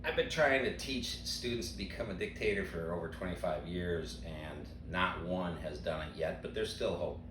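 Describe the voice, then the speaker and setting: Deadpan older man, very low voice. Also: moderate pace, hardly any pauses. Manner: dry deadpan humor. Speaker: retiring teacher. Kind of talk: deadpan sarcastic interview answers. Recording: roomy sound, mic at a distance, background noise.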